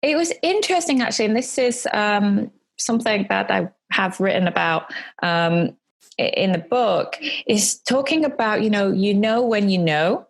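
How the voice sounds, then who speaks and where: A woman's voice: medium pitch, moderate pace, creaky. A woman, answering interview questions chattily with frequent ums and self-corrections. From England. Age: 40s. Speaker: guest, coach and author.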